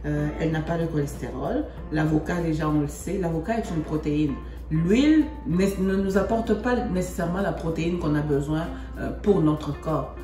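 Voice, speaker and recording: This Congolese home cook talks through her recipe while cooking, chatty and prone to repeating and rephrasing things. She speaks in a low, mellow voice at a moderate pace. The audio is reverberant, with soft background music.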